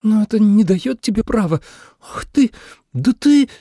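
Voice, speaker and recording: A quick-tempered young bride who sputters and bristles, as a male narrator puts her on in a far higher voice. The tone is lively and swings about, with a gravelly edge underneath. It sounds close and dry, like a storybook read into a studio mic. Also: no room sound, full character voice. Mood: sputtering indignant. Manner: indignant, sputtering. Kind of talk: audiobook character voice.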